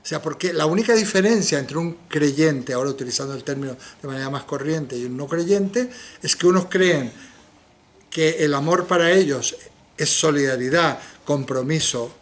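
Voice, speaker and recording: A man's voice: fairly high pitch, normal speed. An older man giving an informal philosophy seminar lecture, asking the audience rhetorical questions and dropping frequent tag questions. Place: lecture room in a community center.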